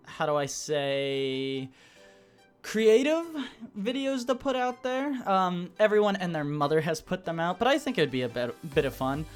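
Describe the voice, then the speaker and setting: A man's voice: sits high, smooth. A young man hosting a gaming channel, giving a casual, rambling update with lots of restarts and fillers. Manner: rambling, self-correcting, laid-back. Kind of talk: casual update vlog over gameplay. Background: soft background music.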